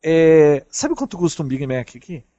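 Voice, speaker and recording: A chatty Brazilian man with a slightly high voice tells travel stories over a call. He talks in an animated, easygoing way. The sound is dry and close. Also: normal speed, no echo, lo-fi sound. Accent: Brazilian Portuguese. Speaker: traveling podcast guest. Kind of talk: casual chat over a call.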